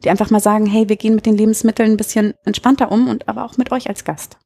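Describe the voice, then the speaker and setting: A woman in her thirties from Berlin, Germany, a bar owner, is the guest in an interview, chatting openly and casually. Her voice is medium-pitched and steady, with a dark tone and a quick pace.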